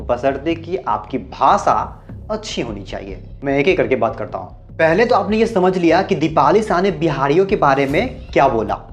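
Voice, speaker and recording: A man from Bihar gives earnest commentary, asking rhetorical questions and mixing in English terms. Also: a little high. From Bihar, India. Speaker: YouTube commentator. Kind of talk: explanatory social commentary.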